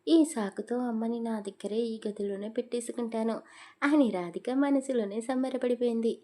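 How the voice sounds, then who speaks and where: Woman storyteller, scripted audio story narration, steady expressive reading. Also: on the high side, moderate pace.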